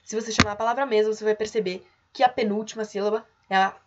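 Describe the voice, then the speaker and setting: A young adult woman teaching an online grammar lesson, explaining patiently and clearly and calling out example words. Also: medium pitch, steady tone, quick pace, muffled recording, background noise.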